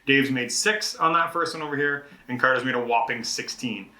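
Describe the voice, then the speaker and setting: A man with a bright, cutting voice talks a card game through while he plays, explaining each move aloud. He is chatty and jokes at his own expense. The sound bounces around an echoey room. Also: medium pitch, a little fast. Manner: chatty, self-deprecating, explains moves aloud. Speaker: board game publisher host teaching rules. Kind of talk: rules teach during live play. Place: indoors at a game table.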